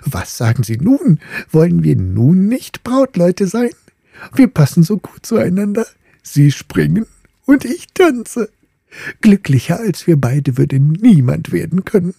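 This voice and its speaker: A man voicing an eager, boastful male spinning top in a fairy-tale reading, in a high, pushed-up voice. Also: sing-song, a little slow, vocal fry, mellow, slightly rough, dry recording, clean studio sound, heavily acted. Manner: earnest and self-praising.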